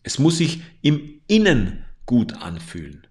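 Husky German-speaking coach, lively pitch. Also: male voice, slow. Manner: addresses the listener directly, calm and explanatory. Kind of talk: motivational coaching monologue.

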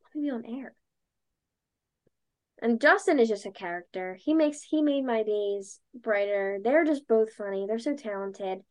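A woman's voice: a little high, a little slow, darkish tone. A young woman as an interview guest, chatting casually and acting out past conversations with lots of "like". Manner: chatty, acts out past conversations, many likes. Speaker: guest, dancer and podcaster.

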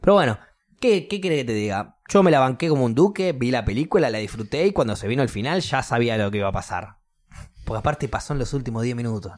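A young man with a Rioplatense Spanish accent, telling a story in casual chat, swearing and loudly acting out quotes. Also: mid-range voice, animated, fast.

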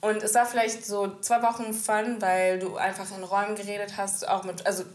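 Woman, casual co-host, animated, mixes languages, roomy sound. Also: medium pitch, brisk. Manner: animated, mixes English into German, acts out quotes. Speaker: podcast co-host. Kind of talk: casual chat. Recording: roomy echo.

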